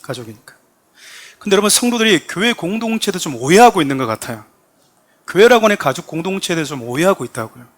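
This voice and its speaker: A male pastor with a voice pitched a little higher than most men delivers a sermon in church. He talks straight to his congregation and acts out quoted speech with rising emphasis. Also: sing-song, fast talker, fairly bright tone. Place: church sanctuary.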